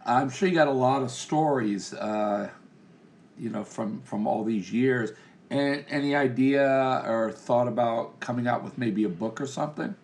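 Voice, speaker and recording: A man hosting a casual interview, friendly and affirming, asking open questions of his guest. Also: medium pitch. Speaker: interviewer, host.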